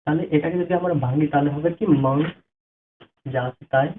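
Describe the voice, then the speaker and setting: A man teaching how to pronounce a devotional Sanskrit mantra, breaking words down slowly syllable by syllable and chanting examples. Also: a little high. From Bangladesh. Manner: slow, careful syllable-by-syllable explanation. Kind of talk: spoken lesson with chanted examples. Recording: tinny phone-like audio.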